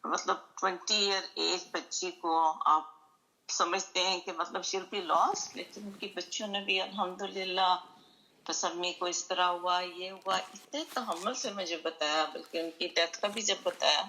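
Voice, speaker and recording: Bright-voiced woman oncologist, earnest. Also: lowish voice, creaky, a little hiss or hum, poor audio. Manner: earnest, mixes Urdu with English phrases. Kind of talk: remembrance speech on a call.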